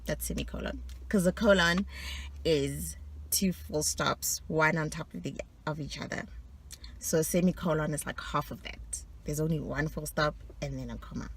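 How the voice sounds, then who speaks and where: A woman's voice: low voice, moderate pace, slight background noise. A woman, chatting casually and teasing herself as she works through a quiz for her own video, laughing often between answers. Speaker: vlogger quizzing herself.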